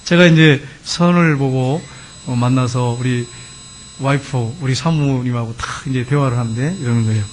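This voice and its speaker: A man preaching a sermon as a pastor, telling a story to his congregation and slowly reciting love poems with fervor. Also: mid-range voice, a little hiss or hum.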